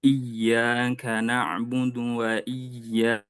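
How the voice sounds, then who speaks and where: A man's voice: mid-range voice, little pitch movement, fairly bright tone, clear, resonant tone, no echo, studio quality, soft background music. Man reciting over a breaking-up call. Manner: slow, repeated chanting of a single verse. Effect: online call audio breaking up from a weak signal. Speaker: student in an online Quran recitation class. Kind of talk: practice Quran recitation over a video call. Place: outdoors. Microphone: video call.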